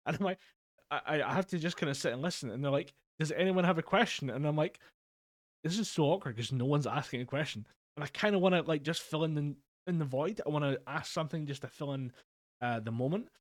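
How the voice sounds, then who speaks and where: This young Scotsman talks fast in a voice on the high side, and the recording is dry and studio quality despite coming from a home mic over a voice call. Co-hosting a casual podcast chat, he tells rambling stories full of swearing and laughter.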